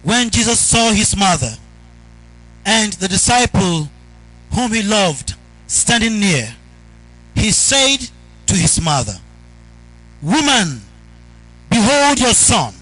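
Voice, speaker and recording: Slow, high-pitched man intoning scripture. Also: sing-song, a bit bright, breathy edge, poor audio. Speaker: priest reading the Gospel at Mass. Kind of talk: solemn liturgical Gospel reading, partly intoned.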